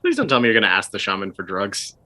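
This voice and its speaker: Male player, bright lively voice, wry playful banter. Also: fairly low pitch, fast. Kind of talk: casual tabletop role-play.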